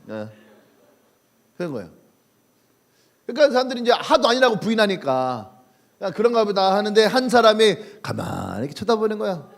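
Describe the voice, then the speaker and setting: Animated male pastor preaching. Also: high voice, fairly quick, creaky, pauses often. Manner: animated storytelling, acting out quoted voices. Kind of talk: sermon. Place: church sanctuary.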